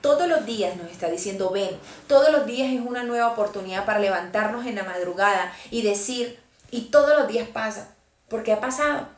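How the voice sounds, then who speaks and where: A woman's voice: fairly high pitch, brisk. A woman preaching a sermon with fervor, taking on the voice of the Lord in quoted passages. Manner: fervent, voicing the Lord's words in quotes. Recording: echoey room with music behind.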